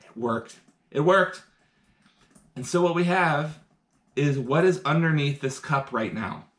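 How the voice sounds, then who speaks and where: A fairly high-pitched, fairly bright male voice, measured in pace, guides a live-streamed science lesson from inside his home. He talks eagerly and chattily, breaking his hands-on experiments down step by step.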